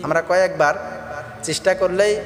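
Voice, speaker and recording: A man teaching Quran recitation, switching between slow melodic chanting of verses and brisk spoken explanation. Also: sits high, a bit bright. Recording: echoey reverberant room with background music.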